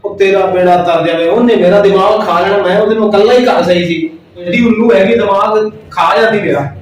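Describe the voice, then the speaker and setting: Skit husband, played by a man: Pakistani Punjabi, grumbling, sarcastic, high for a man, echoey distant sound. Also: a little fast, natural voice. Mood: exasperated. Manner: complaining, repetitive ranting. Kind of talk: family comedy skit acting. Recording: very echoey room, distant mic, noise.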